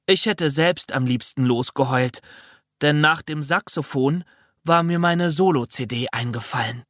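A reader narrating a children's audiobook in an expressive, lively way. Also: mid-range voice, a little slow, dry recording, clean studio sound.

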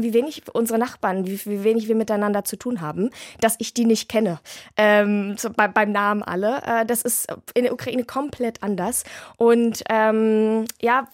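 Woman, higher pitch, candid chatty talk, dry studio sound. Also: no echo. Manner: candid, chatty, many fillers and restarts. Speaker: author, interview guest. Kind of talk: conversational interview answers.

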